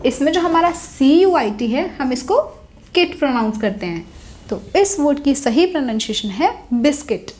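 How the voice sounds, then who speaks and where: Lively high-voiced woman teaching pronunciation. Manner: clear, explanatory, repeats each word slowly. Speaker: English teacher. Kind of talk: Hinglish pronunciation lesson.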